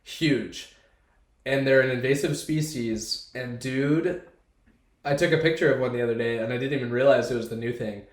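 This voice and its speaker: At a moderate pace and medium pitch, a young man co-hosts a podcast, his nose stuffed up as he chats casually and wanders from point to point. The recording picks up an echoey room.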